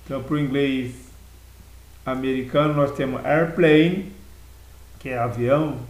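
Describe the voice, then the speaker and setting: A man giving a recorded language lesson, explaining vocabulary slowly and repeating words in two languages. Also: fairly high pitch, echoey room, low-quality recording. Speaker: English teacher.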